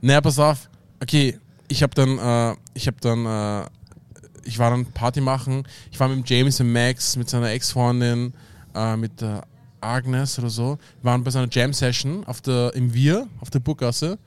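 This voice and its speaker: A man's voice: medium pitch, steady tone, normal speed, smooth. Slangy Austrian man telling a story. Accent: Austrian German. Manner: rambling anecdote full of slang and fillers. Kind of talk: casual chat.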